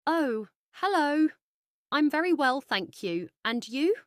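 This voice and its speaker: A woman's voice: high voice, big pitch swings, dry recording, studio quality, full character voice. A woman playing a friendly young British office worker. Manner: slow, carefully pronounced, friendly. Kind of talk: scripted practice dialogue.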